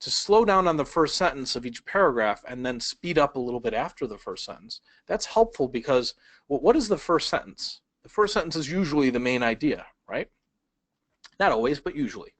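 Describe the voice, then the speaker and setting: A man teaching a speed reading webinar from a laptop, talking conversationally, asking the audience questions and changing his pace and loudness for emphasis. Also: mid-range voice, lively intonation, brisk, dry recording, rough recording. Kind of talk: webinar lesson. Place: indoors at a laptop.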